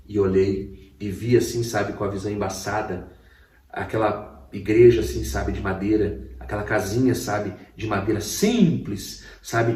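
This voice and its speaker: A man's voice: lowish voice, warm tone. A man giving an emotional personal testimony as a guest, a vivid storyteller who acts out quotes. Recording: roomy, distant mic.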